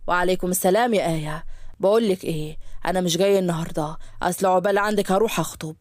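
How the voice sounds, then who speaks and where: A woman's voice: on the low side, very fast, a little mellow, dry recording, clean studio sound, voice pushed down, lightly acted. A woman playing a cocky young Egyptian man. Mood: playful. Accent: Egyptian Arabic. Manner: boastful, joking, pushy.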